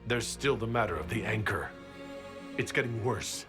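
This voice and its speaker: An actor playing a defiant, weary leader of a fantasy order in a video game, with earnest, emphatic delivery. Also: male voice, lowish voice, animated, normal speed, close to an everyday voice. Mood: pleading. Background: music.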